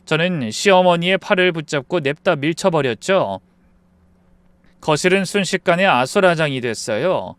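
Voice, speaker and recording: A man's voice: a little high, animated, moderate pace, fairly bright tone, clear, resonant tone, dry recording. A man narrating a dramatic first-person family story in a scripted style.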